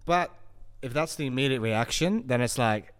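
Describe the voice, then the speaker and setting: A man's voice: mid-range voice, animated, moderate pace, smooth, no room sound. A man talking in a casual, blokey, informal way as a podcast co-host. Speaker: podcast co-host and jiu-jitsu practitioner. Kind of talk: casual chat.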